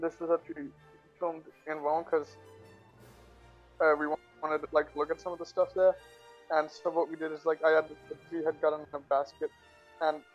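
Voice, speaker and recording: Male filmmaker doing BTS commentary, rambling and unsure, lo-fi muffled take. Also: fairly high pitch. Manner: hesitant and rambling, with many fillers and restarts. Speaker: filmmaker discussing his fan film. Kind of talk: behind-the-scenes commentary. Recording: dull, lo-fi sound. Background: faint film music.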